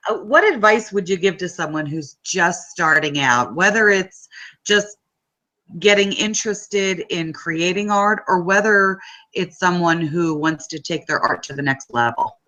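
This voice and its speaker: A woman's voice: fairly low pitch, a little slow, bright, forceful tone, rough recording. A woman hosting an interview, gushing and enthusiastic with her guest. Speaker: interview host.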